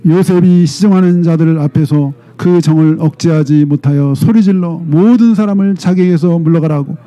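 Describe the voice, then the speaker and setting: Male pastor, middle-aged, dramatic sermon delivery with a high, dark-toned voice. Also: moderate pace. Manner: animated, dramatic retelling with frequent "eh?" prompts to the congregation.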